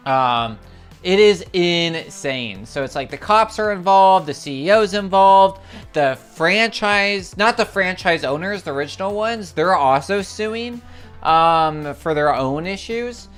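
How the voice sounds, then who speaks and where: A livestream host tells a long, rambling story in casual chat, packed with filler words and repeated cries of "it's crazy." The voice is smooth, clear and middling in pitch, a little slow and excitable, with soft music playing faintly underneath.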